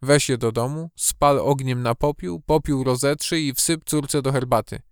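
A man's voice: mid-range voice, fairly even intonation, moderate pace, smooth, no room sound, studio quality, close to an everyday voice. A man voicing a mysterious wandering fortune-teller woman. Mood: soothing. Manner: soothing, reassuring instructions.

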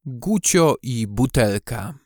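A man narrating a children's storybook audiobook with expressive, measured storytelling on a close studio mic. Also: medium pitch, no room sound.

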